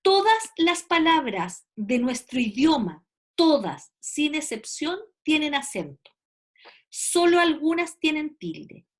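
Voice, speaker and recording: A woman teacher explaining grammar to a class step by step, often checking understanding. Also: sits high. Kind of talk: classroom lecture.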